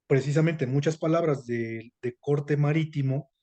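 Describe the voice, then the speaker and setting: A man giving a seminar lecture, lively, often checking in with listeners and hesitating between phrases, his loudness rising and dropping. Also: a little high, measured pace. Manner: loudness swings between emphatic and soft. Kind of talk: explanatory lecture to a class.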